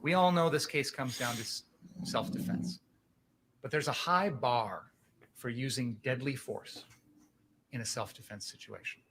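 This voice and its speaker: Male prosecutor, mid-pitched. Passionate, emphatic courtroom closing with repeated phrases; slightly noisy live recording. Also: a little slow, pauses often, fairly bright tone. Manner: passionate, emphatic, rhetorical questions and repetition. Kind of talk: courtroom closing argument to a jury.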